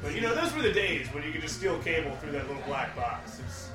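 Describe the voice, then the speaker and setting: A man's voice: fairly high pitch, very animated, quick pace, music in the background. A man co-hosting a podcast with casual banter, recorded in a living room. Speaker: podcast co-host. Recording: distant, echoey living room.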